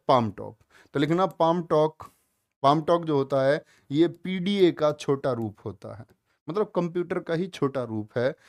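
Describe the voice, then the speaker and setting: A man teaching a live online class, loud and emphatic, drilling students with repeated questions. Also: fairly high pitch, dry recording, clean studio sound.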